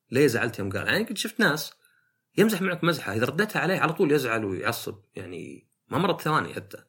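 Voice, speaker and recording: Fast, gravelly man. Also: fairly low pitch, a bit bright. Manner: loose, thinking aloud with many fillers. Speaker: podcast host. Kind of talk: casual reflective monologue.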